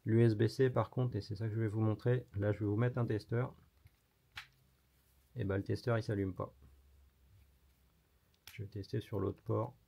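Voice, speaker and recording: A man's voice: fairly low pitch, steady tone, moderate pace, vocal fry, long pauses, dark tone, husky. A man hosting an electronics tutorial, explaining casually while demonstrating hands-on and swearing mildly now and then. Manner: casual and chatty, with mild swearing. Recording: dull lo-fi recording.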